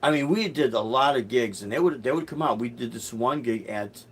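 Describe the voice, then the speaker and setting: Chatting on his live stream, this middle-aged musician from Chicago, USA wanders through replies to viewer comments, hesitating and starting over often. He talks a bit quickly in a mid-range, breathy voice with lively intonation.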